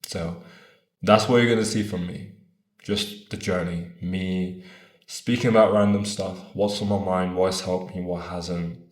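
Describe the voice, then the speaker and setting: In an echoey room in Bogota, a man in his twenties vlogs to camera with a deep, unhurried voice and fairly even intonation. He's earnest and casual, drifting into rambling, tossing in "right?" and swearing now and then.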